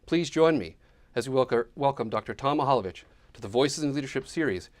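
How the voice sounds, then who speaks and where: A man, the director of a lecture series, reading a formal, measured introduction of a guest to an audience. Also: mid-range voice, animated. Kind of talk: scripted introduction. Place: lecture hall before a live audience.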